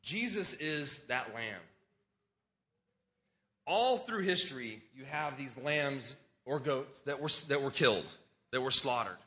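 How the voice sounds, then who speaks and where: Male preacher, sermon with scripture reading, tense bright tone, conversational and earnest, muffled low-fi sound. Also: lively intonation, slow, long pauses. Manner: earnest, conversational, repeats words as he restarts.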